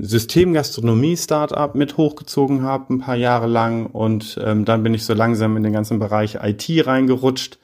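A middle-aged man from Heidelberg, guest on a podcast interview, talking in a measured, hesitant way with frequent fillers. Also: medium pitch, a little mellow. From Heidelberg, Germany. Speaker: podcast guest, business consultant.

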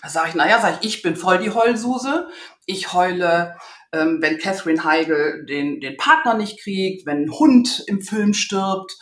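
A woman's voice: lowish voice, a little slow, a bit bright, roomy sound. A woman, a communication trainer, talking casually and self-assuredly in an interview, acting out little dialogues from her anecdotes.

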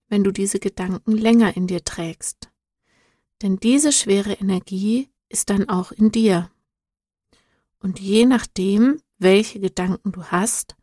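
Gentle, patient storybook mentor, voiced by a woman narrator; slow, soothing explanations. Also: medium pitch, no room sound, studio quality. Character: calm wise male guide, gentle and patient. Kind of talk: storybook reading.

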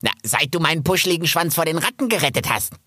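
A man's voice: on the high side, quick pace, dry recording, clean studio sound. A man doing a chatty cheerful squirrel. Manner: lively, chatty, persuasive. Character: chatty young male squirrel, bossy, cheerful.

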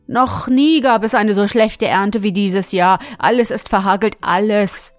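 A woman voicing a grumpy, stingy male hamster farmer in a storybook reading, speaking gruffly, loudly and with constant complaints. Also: on the high side, moderate pace, no room sound, soft background music, natural voice. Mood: furious.

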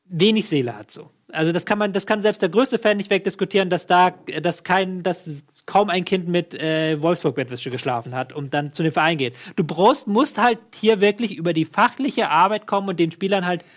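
A man with a notably high voice holds forth in a casual football chat. He argues his case at length, circling back with fillers and half-finished starts. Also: brisk, hardly any pauses. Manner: argumentative, rambling with lots of fillers. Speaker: football pundit.

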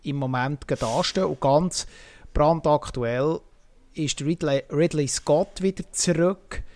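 A man's voice: on the high side, measured pace, darkish tone. A man, co-hosting a film podcast, speaking thoughtfully with frequent fillers. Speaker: podcast co-host. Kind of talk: casual film review chat.

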